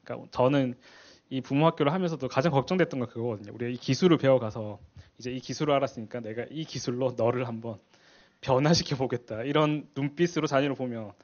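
Middle-aged male speaker for a parenting class: quick, chatty, acts out quotes, muffled recording. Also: mid-range voice, a little mellow. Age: 40s. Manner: chatty, laughs often, acts out quoted lines. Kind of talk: casual church talk.

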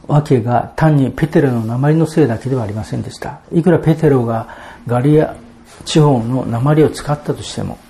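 A man preaching a sermon, explaining Bible verses in a measured, expository way and reading passages aloud. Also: mid-range voice, warm tone. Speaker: pastor.

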